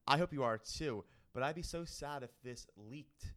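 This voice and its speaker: A man co-hosting a podcast in casual pun banter, excitable and laughing, with sudden jumps up in pitch. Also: normal speed. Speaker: podcast co-host. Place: dining room.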